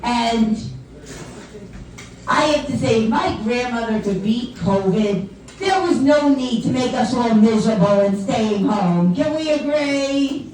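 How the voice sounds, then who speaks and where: Her voice is highish and animated, yet she takes her time, with a darkish tone caught by a distant mic. This tri-state stand-up comic, who sounds older than her age, pokes fun at the crowd and herself in a chatty style. The club echoes with audience laughter and conversation.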